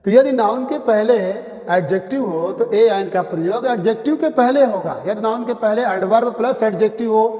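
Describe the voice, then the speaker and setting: A man's voice: high voice, normal speed, few pauses, mellow, big-room sound. A man giving a grammar lesson, saying each example sentence in English and then in Hindi, repeating words to drive them home. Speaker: English teacher. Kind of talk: classroom-style grammar lesson.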